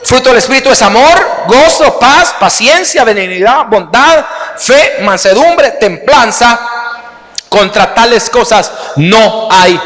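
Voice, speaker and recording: A man with a Salvadoran accent preaching a sermon as pastor, animated and joking, often calling out to the congregation. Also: extremely high pitch, slow. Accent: Salvadoran Spanish. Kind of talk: lively sermon. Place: church sanctuary. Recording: long reverb of a church hall.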